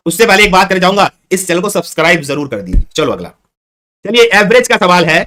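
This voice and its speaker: A man from Chhattisgarh, India, teaches a live online exam-prep class in a high, sharp-toned voice. He repeats questions and coaxes his students into answering.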